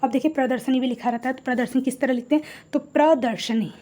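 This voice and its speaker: A woman's voice: sits high, fairly even intonation, quick pace, dark tone. A woman teaching a Hindi grammar lesson, patiently spelling out each word and asking rhetorical questions.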